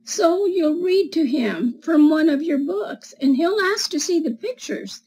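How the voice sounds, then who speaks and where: A woman in her seventies reads to young children from a picture book, deliberately explaining each image and asking gentle questions. She has a high voice with lively intonation. It's a rough recording made indoors in a small room with bookshelves, using a webcam at desk distance.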